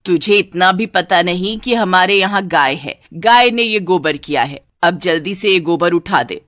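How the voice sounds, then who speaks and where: Woman doing a bossy cartoon saas, lower and loud, scolding, dry sound. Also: animated, a little slow, no echo. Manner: scolding, shouting at her family. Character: bossy middle-aged mother-in-law, woman.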